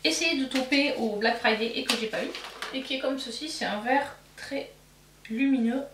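A woman's voice: sits high, normal speed, a bit bright, slight background noise. A woman chatting casually through a makeup haul, self-mocking and full of fillers, recorded in a roomy space a little away from the mic. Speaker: beauty vlogger. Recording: roomy, somewhat distant mic.

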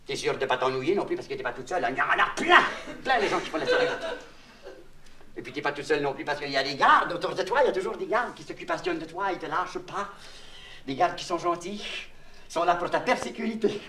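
A man's voice: on the high side, lively intonation, fast, close to an everyday voice. A man with a Québécois accent playing a naive, childlike vagabond clown who rambles and mangles words in a comic monologue. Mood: rambling, confiding. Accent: Québécois French. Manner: mangled words and puns, confiding to the listener. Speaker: comedian. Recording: echoey, distant, noisy old LP recording.

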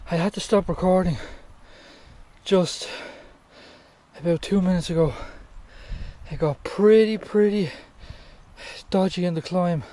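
A man's voice: sits high, a little mellow. Breathless middle-aged Irish man climbing. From Ireland. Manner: breathless, sighing, wry understatement. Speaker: adventure vlogger. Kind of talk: casual vlog commentary while climbing. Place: outdoors on a steep, rainy mountainside. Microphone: action camera held close or clipped on.

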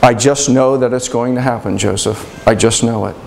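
Young woman Mary, voiced by a male storyteller: gentle, insistent, certain. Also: medium pitch, steady tone, normal speed, creaky, slight background noise, pitched below the performer's own voice, close to an everyday voice.

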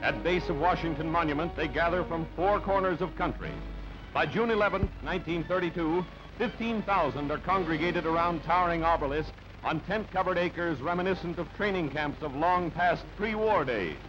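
A man with a fairly high-pitched voice reads scripted newsreel narration at a moderate pace, clipped, punchy and dramatic. It comes from a dull, band-limited old newsreel soundtrack with music behind him.

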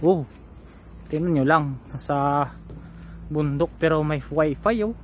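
A Filipino vlogger in his thirties, with a Filipino accent, walks a seaside park path holding his phone at arm's length and points things out to viewers in a casual tour. His voice is a little high and slow, with slight background noise and outdoor ambience full of insects.

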